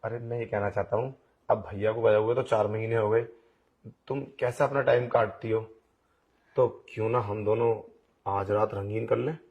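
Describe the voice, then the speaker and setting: A pushy blind young man in a Hindi audio drama, played by a man, wheedling and coaxing without letting up. His voice sits at an ordinary middle pitch. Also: moderate pace, muffled recording, natural voice. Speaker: voice actor.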